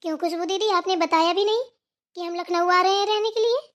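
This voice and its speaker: A woman's voice: very high voice, brisk. A woman voicing a humble young sister-in-law in a cartoon, speaking in a meek, fretful way. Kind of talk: cartoon voice acting.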